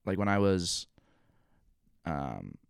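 Casual podcast host, man, low and nasal, quick and rambling, crisp dry studio sound. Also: sing-song, no room sound. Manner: fast, rambling, lots of fillers and restarts. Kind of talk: casual chat. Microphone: studio microphone.

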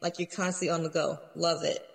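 A woman's voice: deep voice, level tone, fairly quick, creaky, big-room sound, low-quality recording. A woman hosting a radio interview in a casual, upbeat, effusive and encouraging way. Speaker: radio show host.

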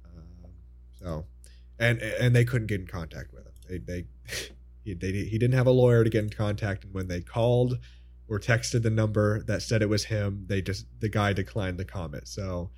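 A man's voice: fairly low pitch, normal speed. A man hosting a podcast, telling odd news in a chatty way over a voice call. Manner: lively, chatty storytelling with laughs. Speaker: podcast host. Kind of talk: casual chat on a call.

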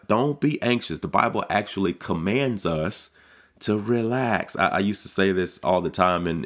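Middle-aged man, pastor, very low voice, casual podcast talk, stammering restarts. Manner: conversational, repeats words when starting sentences.

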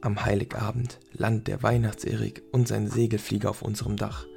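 A man voicing an excitable, stubborn little boy who exclaims eagerly. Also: lowish voice, fairly quick, creaky, faint music behind. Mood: indignant.

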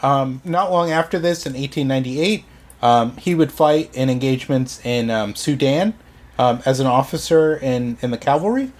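A man presenting history on a casual podcast, with frequent ums and halting restarts. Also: medium pitch, a little hiss or hum.

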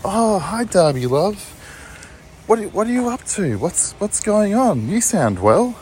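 A man's voice: high-pitched, big pitch swings, measured pace, a little mellow, slight background noise, voice pushed up. A man putting on a fretful, stammering Aussie mum. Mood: fussing. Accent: Australian. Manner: stammering, restarts, fussy repetition. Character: fretful chatty older mother, frazzled. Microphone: phone.

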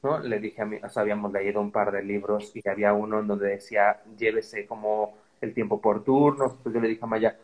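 A man's voice: fairly low pitch, level tone, brisk, few pauses, a little mellow, poor audio. A man with a Mexican accent chatting casually as a podcast guest, slangy and profane, constantly tossing in "¿sabes?". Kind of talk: casual conversational storytelling.

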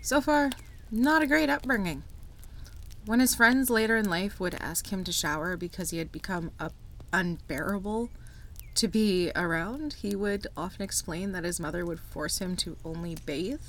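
A woman narrates true crime as a podcast host, her voice sitting a little low. She tells the story from a script and slips into casual asides. A faint noise sits behind her voice. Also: moderate pace, fairly bright tone, low-quality recording.

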